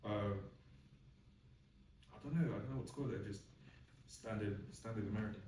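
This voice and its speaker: A man's voice: fairly low pitch, normal speed, warm tone, a little hiss or hum. A young man speaking as a podcast guest in casual chat, laid-back and hesitant with many "um"s. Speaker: guest actor. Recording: roomy sound from a distant mic.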